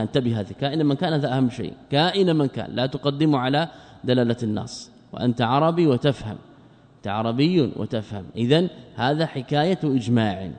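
This sheikh moves rapidly through a religious text, putting questions to his students and then supplying the answers. He has a medium-pitched, darkish voice, and the recording carries a long reverb tail.

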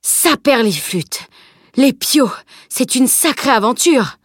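A woman's voice: on the high side, normal speed, dry recording, clean studio sound, voice pushed up, lightly acted. A woman reading a plump, jovial middle-aged carter in an audiobook, with hearty exclamations and rustic speech.

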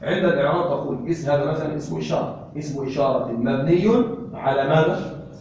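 A man teaching Arabic grammar to a class. He keeps asking whether his students follow and repeats key terms slowly. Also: a little high, a little mellow, slight background noise. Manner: checks understanding with frequent questions to the class. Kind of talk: classroom lesson. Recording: echoey room, voice from a distance.

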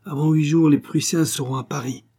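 A man voicing a feverish, boastful young male poet who exclaims loudly in an audiobook. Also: mid-range voice, steady tone, moderate pace, close to an everyday voice. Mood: scornful. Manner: loud, exclaiming, agitated.

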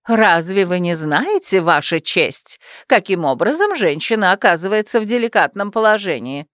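Audiobook: woman reader doing a domineering werewolf clan mother, loud and emphatic, dry mic. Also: medium pitch, animated, no room sound, close to an everyday voice. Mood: insistent. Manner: loud, commanding, slow and emphatic. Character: stern domineering werewolf clan matriarch, middle-aged woman.

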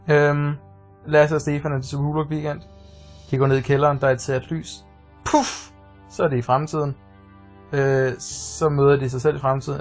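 A man co-hosting a casual podcast chat, self-mocking and full of fillers. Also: mid-range voice. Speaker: podcast co-host. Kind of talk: casual chat and reading a story.

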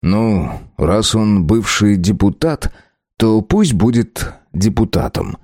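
A calm, easygoing conman reasons things out in a low, slow voice. A man voices him close and dry, as in an audiobook. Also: no echo, exaggerated voice.

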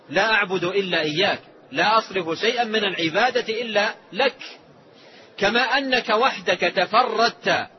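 A male religious scholar giving an explanatory lesson, speaking in a measured way and often restating his phrases. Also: high-pitched. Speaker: religious scholar teaching a book. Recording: dull lo-fi lecture recording, faint hiss.

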